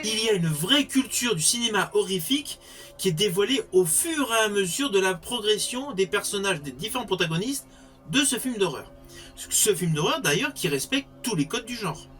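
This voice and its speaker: A man's voice: sits high, lively intonation, moderate pace, a bit bright, faint music behind. A man giving a spoken film review in an articulate way with formal wording.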